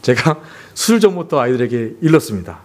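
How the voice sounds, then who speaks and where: A man's voice: very animated, a little fast, a little mellow. A man preaching a sermon as pastor, earnest, acting out family scenes as he makes his points. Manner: earnest, acts out family scenes with sweeping pitch swings. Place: church sanctuary.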